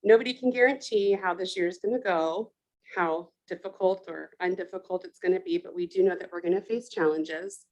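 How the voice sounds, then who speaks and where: A woman's voice: lowish voice, fairly quick, darkish tone, muffled recording. A woman board director giving a heartfelt, earnest address to teachers and staff at a public meeting.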